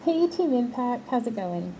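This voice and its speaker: Livestreaming while she works on her crafts, a woman chats casually, playfully, giggly and teasing, her voice slightly muffled by a respirator mask. It sits a little high, swings widely in pitch, and moves a little slowly over background noise.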